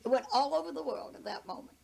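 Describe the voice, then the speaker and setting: A woman's voice: high-pitched, fast talker, creaky, darkish tone. An older woman with a New England accent, being interviewed and retelling an anecdote at length in a casual, earnest way. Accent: New England American.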